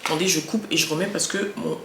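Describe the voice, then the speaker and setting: A woman's voice: sits low, fairly even intonation, fast talker. Chatty mother in an echoey room. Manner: chatty, self-correcting, emphatic articulation. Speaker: mother giving parenting tips. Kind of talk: casual chat to camera. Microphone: wireless earbud. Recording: echoey room, faint background noise.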